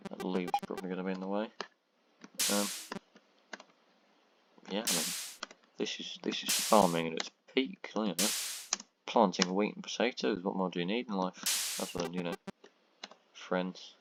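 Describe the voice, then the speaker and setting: A man with a monotone voice giving rambling, self-deprecating commentary on his own gameplay, full of ums. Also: deep voice, moderate pace, gravelly, pauses often. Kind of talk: casual let's-play commentary. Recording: loud background noise and keyboard clicks.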